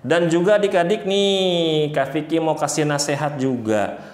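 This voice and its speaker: Slow, playful man teaching children. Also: fairly high pitch. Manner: playful, addresses children directly, acts out examples. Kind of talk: children's religious lesson. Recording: roomy echo.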